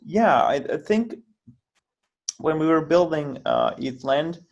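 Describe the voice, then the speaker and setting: A man from Finland, speaking English, talks through technical ideas as an interview guest over a video call. His delivery is halting, full of repeated words and restarts as he builds each explanation. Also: on the high side, lively intonation, creaky, lo-fi sound. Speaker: guest, project founder.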